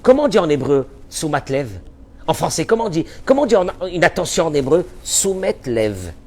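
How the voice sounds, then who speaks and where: A man teaching as a rabbi in a Torah lesson. He talks emphatically, repeats his key phrases, and swings between loud and soft. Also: on the high side, sing-song, quick pace.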